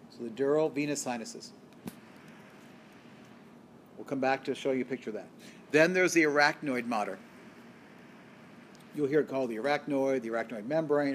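A faint hiss or hum sits under this biology lecture screencast, where a man with a mid-range, darkish voice poses questions to his class and then answers them himself. He explains each step in turn and corrects himself as he goes.

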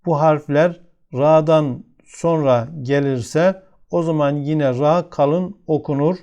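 A man's voice: fairly high pitch, steady tone, slow, mellow, clear, resonant tone, muffled recording. A man with a Turkish accent teaching a tajweed lesson step by step, patiently repeating each example word. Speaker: Quran recitation teacher.

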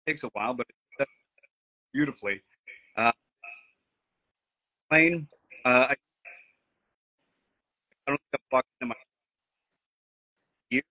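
A man's voice: medium pitch, no room sound, highs cut off. Man on a glitchy, cutting-out video call. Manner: halting, fragmented phrases. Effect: glitchy audio cutting out in gaps. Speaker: guest woodworker. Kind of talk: casual live-stream chat.

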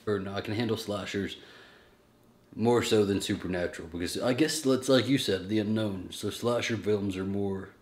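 A man's voice: on the low side, normal speed, roomy sound. A young man vlogging casually about film, rambling and laughing often. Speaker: vlogger and filmmaker. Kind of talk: casual chat to camera.

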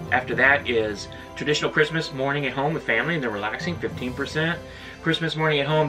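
A middle-aged man chatting casually to camera in his RV, upbeat and full of fillers. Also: mid-range voice. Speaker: RV travel vlogger. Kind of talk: casual vlog talk to camera. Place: inside an RV decorated for Christmas. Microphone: camera at a distance. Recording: voice a little far from the mic, music behind.

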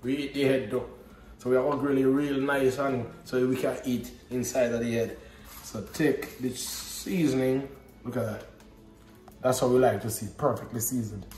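A darkish, medium-pitched male voice moves at a normal speed with fairly even intonation. He is a Jamaican man in his thirties, accent intact, keeping things chatty and relaxed with patois-laced banter on his casual home-kitchen cooking vlog. The camera mic sits at a distance, picking up a roomy echo and clear background noise.

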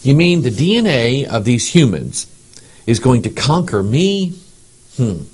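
A man's voice: medium pitch, sing-song, unhurried, darkish tone, husky. A man muttering as a scheming devil. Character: scheming male devil plotting against mankind.

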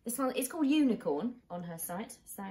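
A woman's voice: fairly high pitch, animated, a little fast, a little mellow. A British woman in her thirties chatting casually as a vlog co-host in her living room.

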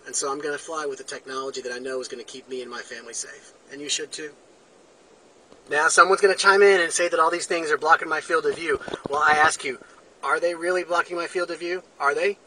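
A man in his forties vlogging in a deadpan, mock-earnest satirical style. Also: a little high, fast, slight background noise, rough recording. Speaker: vlogger pilot. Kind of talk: satirical vlog. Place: home room, then small plane cockpit, then outdoors.

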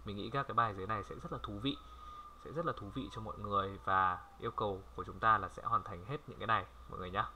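A man from Vietnam giving a casual language lesson, chatty and repeating words slowly for viewers to copy. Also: fairly low pitch, steady tone, sharp tone, slight background noise. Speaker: French language tutor. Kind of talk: casual screen-recorded lesson.

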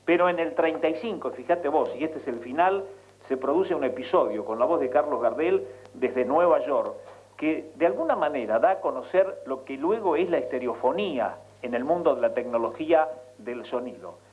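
Over a muffled, noisy live radio link with hum, a man with a Rioplatense Spanish accent shares radio anecdotes as an announcer. He is a radio announcer and guest correspondent whose mid-range voice sounds animated at a normal speed.

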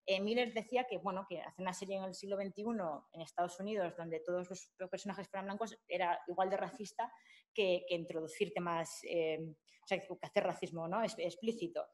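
Woman lecturing, halting and informal. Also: lowish voice, a little mellow. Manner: informal, many fillers and restarts. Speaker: lecturer at a summer course. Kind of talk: academic talk with slides.

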